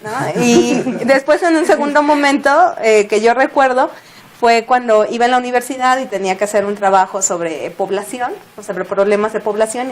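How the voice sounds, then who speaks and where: A woman with a Mexican Spanish accent, a guest telling a story in casual chat, animated and laughing as she acts out what people said. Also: a little high, slight background noise.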